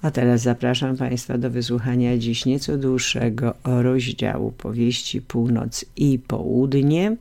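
A man hosting a radio program, announcing what comes next in an unhurried way with small slips. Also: medium pitch, creaky, darkish tone. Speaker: radio host.

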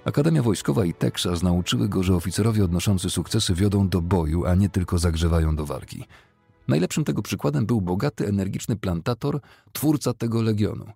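A man narrating a novel as an audiobook, in a steady, measured storytelling manner. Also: sits low, gravelly, slightly rough, dry recording, faint music behind.

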